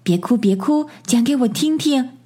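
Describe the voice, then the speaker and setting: A woman's voice: sits high, animated, moderate pace, warm tone, slightly rough, pitched above the performer's own voice. A woman voicing a kind mother lynx in a bedtime story, speaking in a comforting tone. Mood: soothing. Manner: soothing, comforting. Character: kindly mother lynx, warm and soothing.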